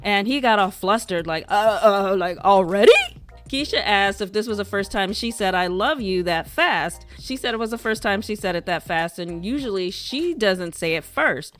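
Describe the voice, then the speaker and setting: A woman's voice: medium pitch, animated, moderate pace, few pauses, fairly bright tone, faint music behind. A woman hosting a reality TV recap show, narrating scripted gossip in a chatty, wry, opinionated way.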